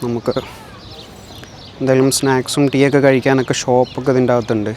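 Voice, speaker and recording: A man's voice: mid-range voice, little pitch movement, fast talker, darkish tone. A Malayali man giving casual vlog commentary outdoors, slipping English words into his Malayalam as he talks. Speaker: vlog host. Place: outdoors in a zoo park. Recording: clear outdoor ambient noise, birds.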